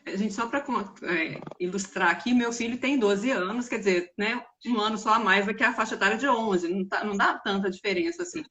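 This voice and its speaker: A woman from Brazil, a mother interviewing a doctor, talking in a relaxed conversational way while she has a cough. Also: medium pitch, a little fast, hardly any pauses. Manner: relaxed, conversational, shares personal stories. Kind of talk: casual interview chat.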